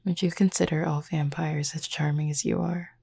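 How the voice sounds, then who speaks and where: In a whispered sleep-aid roleplay, a woman plays a cupid roommate who is calm and proud yet caring. Her low, breathy, husky half-whisper carries measured, formal phrasing with gentle teasing, delivered as a full character voice. The mood comes across as aloof and lightly teasing.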